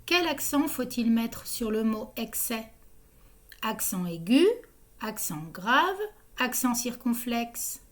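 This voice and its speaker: A woman hosts a grammar quiz in a scripted narration voice. Her voice sits a little high, and she reads every question and answer option slowly and evenly. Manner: slow, even reading of questions and answer options. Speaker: quiz host.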